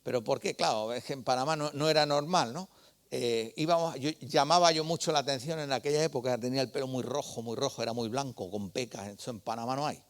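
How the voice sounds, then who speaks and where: Preacher telling stories. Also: male voice, medium pitch, fast. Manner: conversational storytelling with rhetorical questions to the congregation. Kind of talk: sermon.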